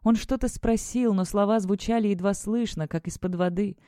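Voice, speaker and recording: A narrator reading a dark fantasy audiobook in a steady, measured way. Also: mid-range voice, no echo, clean studio sound.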